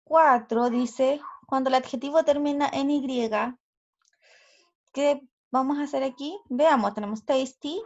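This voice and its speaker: Chilean woman teacher, high voice, slow and patient, recorded lesson on a computer mic. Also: steady tone, darkish tone. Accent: Chilean Spanish. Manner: slow, careful explanations with checking questions. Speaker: English teacher. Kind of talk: recorded online grammar lesson. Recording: slightly dull lo-fi audio.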